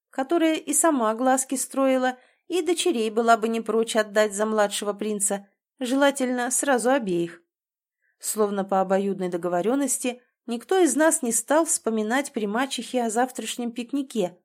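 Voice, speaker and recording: A woman's voice: fairly high pitch, a little mellow. Woman narrating a novel aloud. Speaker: audiobook narrator. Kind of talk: first-person audiobook narration.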